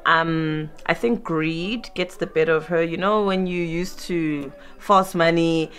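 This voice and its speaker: Calm actress explaining her character. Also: fairly low pitch, unhurried. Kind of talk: behind-the-scenes interview.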